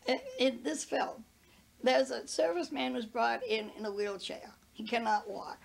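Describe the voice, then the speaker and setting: An older woman with a New England accent recounts events in an interview, earnest and anecdotal. Her voice is high, gravelly and breathy. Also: moderate pace. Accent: New England American. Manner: earnest, anecdotal, quotes others in retelling. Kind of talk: casual storytelling in an interview.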